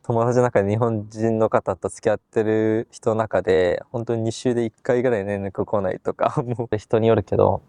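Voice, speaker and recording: Korean-born man, mellow, dry sound. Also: fairly low pitch, fairly even intonation, moderate pace, few pauses, no echo. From Busan, South Korea. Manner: earnest, gives advice, laughs easily. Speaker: guest. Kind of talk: casual conversation.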